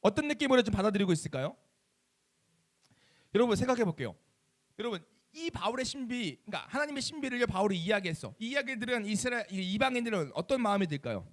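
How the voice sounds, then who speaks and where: A man preaching a youth sermon in a church chapel, animated and keeps asking the audience questions. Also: sits high, fast. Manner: animated, asks the audience many questions and acts out quoted voices. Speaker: youth pastor.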